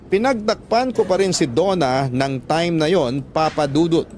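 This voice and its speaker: A man with a Filipino accent narrates a scripted radio drama, reading a listener's letter as a dramatic first-person story. His voice is fairly high with a darkish tone, set over music, and there's a slight hiss or hum.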